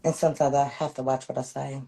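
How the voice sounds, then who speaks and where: A woman in her thirties answering a dating show host's questions, halting and hesitant, often pausing on an um. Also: a bass voice, flat delivery, gravelly, mellow, breathy edge. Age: 30s. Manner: hesitant, halting, many ums. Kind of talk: casual interview answers.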